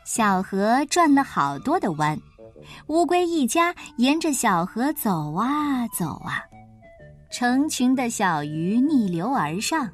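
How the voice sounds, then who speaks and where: 一位女士在给孩子们朗读绘本故事，语气温柔，抑扬顿挫，富有感情。. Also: female voice, fairly high pitch, faint music behind. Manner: slow, gentle and expressive storytelling. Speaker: storyteller. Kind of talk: children's picture-book reading.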